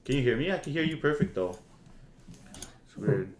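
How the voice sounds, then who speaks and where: A man's voice: mid-range voice, lively intonation, moderate pace, background noise. A man interviewing over a video call whose audio keeps dropping in and out, so his volume jumps unevenly as he hurries and repeats himself. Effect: choppy call audio with uneven, dropping volume. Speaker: interviewer and streamer. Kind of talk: casual technical interview.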